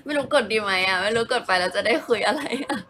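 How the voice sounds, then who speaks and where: A woman's voice: medium pitch, expressive, quick pace. Giggly young woman chatting on a live stream. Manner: giggly, chatty, answers comments as she reads them. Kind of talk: casual live-stream chat with viewers. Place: at home.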